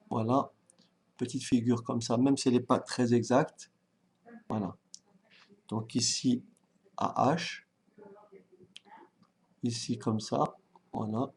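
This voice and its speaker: A man teaching a maths lesson, calm and patient, thinking aloud as he writes and often checking that his students follow. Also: medium pitch. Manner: talks directly to students, checks they follow. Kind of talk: online exam-prep lesson.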